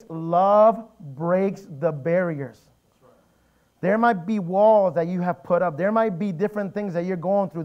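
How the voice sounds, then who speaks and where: A man preaching a sermon in a church, with animated storytelling and emphatic repetition. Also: high voice, lo-fi sound. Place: church sanctuary.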